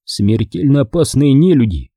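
Dark, husky male audiobook narrator. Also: medium pitch, no room sound, clean studio sound. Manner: measured, steady reading. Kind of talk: scripted narration.

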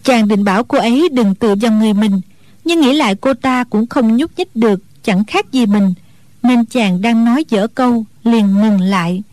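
Higher-voiced woman narrating a storybook. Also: moderate pace, darkish tone, no echo. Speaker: audiobook narrator.

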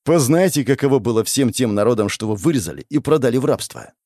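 Gloating young villain's servant, as the narrator puts him on, sneering and triumphant, audiobook figure, lively and raised pitch, dry close sound. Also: male voice, quick pace, dry recording, close to an everyday voice. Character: young man, gloating servant of a dark lord.

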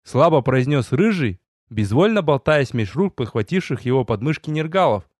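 A man narrating a first-person fantasy story in an audiobook, telling it with lively storytelling and voiced dialogue. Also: medium pitch, moderate pace, no echo, clean studio sound.

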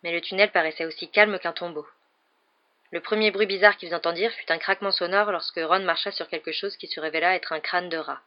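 An audiobook reader narrating a French novel in a steady, measured way. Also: mid-range voice. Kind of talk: scripted narration. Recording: dull lo-fi audio.

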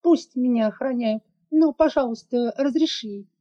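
A woman voicing a stubborn little dragon girl who pleads insistently in a high, childlike voice. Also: normal speed, natural voice. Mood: pleading. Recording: dull lo-fi audiobook recording.

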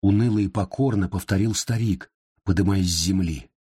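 A man reading a story aloud in a measured, expressive storytelling manner. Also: low voice, slightly rough. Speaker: narrator. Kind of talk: scripted audiobook narration.

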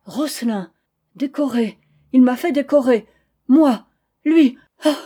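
A woman's voice: high-pitched, sing-song, takes it slowly, warm tone, pitched above the performer's own voice, exaggerated voice. A woman doing a stammering, bewildered husband. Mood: stunned. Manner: stammering, agitated. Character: fussy middle-aged male clerk, bewildered.

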